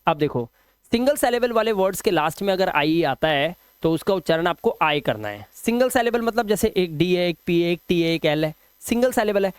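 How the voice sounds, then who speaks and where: A man teaching English pronunciation, drilling word lists slowly and chatting with viewers between rules. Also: high-pitched, lively intonation, clean tone, dry recording. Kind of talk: spoken English lesson.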